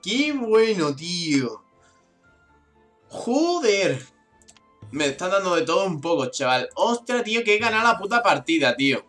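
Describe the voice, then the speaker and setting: Young male gaming YouTuber, bright tense tone, repeats words in frantic bursts. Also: high voice, soft background music. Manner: excitable, swears, repeats words rapidly. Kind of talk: live gameplay commentary.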